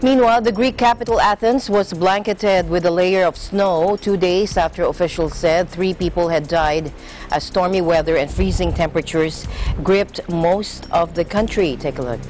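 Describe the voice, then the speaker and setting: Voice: medium pitch, moderate pace, darkish tone, faint music behind, rough recording. A news anchor delivering scripted international news narration.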